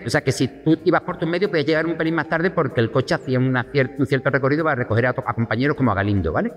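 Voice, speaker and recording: A man spins a lively anecdote as a talk show guest, jumping into the voices of the people in his story. His voice sits a little high. The sound rings with a long hall reverb, and faint music plays underneath. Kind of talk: animated anecdote telling.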